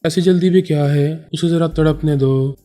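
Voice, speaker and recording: A man's voice: fairly high pitch, fairly even intonation, mellow, lightly acted. A man voicing a clever young woman who speaks lightly and teasingly, as in an audiobook.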